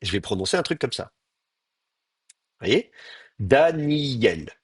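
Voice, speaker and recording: A man's voice: lowish voice, big pitch swings, moderate pace, breathy edge, dry recording, studio quality. A man from France, giving a university lecture and patiently explaining, with hesitant fillers and spoken demonstrations of pronunciation.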